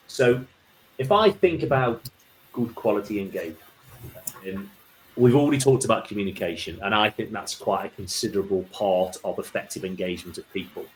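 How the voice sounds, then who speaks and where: Man hosting, low voice over noise. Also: low-quality recording. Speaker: host. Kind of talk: casual business discussion.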